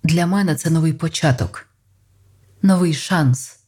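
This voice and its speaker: A man's voice: a little high, a little slow, darkish tone, breathy edge. An audiobook reader voicing an ambitious young man who is earnest and plans aloud. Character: ambitious young man, hopeful yet doubting.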